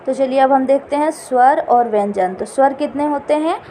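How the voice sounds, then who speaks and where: A woman teaching an exam-prep lesson, repeating each definition slowly. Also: high voice, dark tone, a little hiss or hum.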